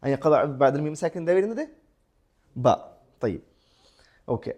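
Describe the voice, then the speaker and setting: A man with a Malayali accent teaching a Quran recitation class, quizzing his students and chanting example verses slowly. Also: medium pitch, very animated, darkish tone. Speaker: tajweed teacher. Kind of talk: live class lesson with students.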